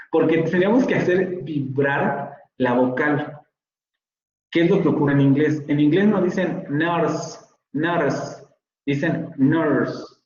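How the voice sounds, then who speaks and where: A man's voice: on the high side, a little mellow, echoey room, lo-fi sound. A man, a university professor giving an online phonetics lecture and patiently repeating words to model their sounds.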